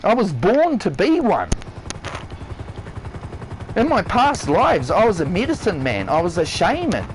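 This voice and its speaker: A man's voice: high voice, huge pitch swings, measured pace, long pauses, slight background noise, low-quality recording. A man who works as a chef, ranting on a live stream in a blunt, heavily profane, emphatic way. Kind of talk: ranting livestream monologue. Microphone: console headset or stream mic.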